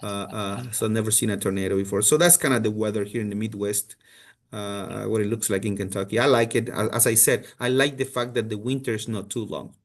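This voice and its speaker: A university representative from Colombia gives casual answers to questions in a virtual info session on a video call, with many restarts and fillers. His voice is on the low side, steady and brisk.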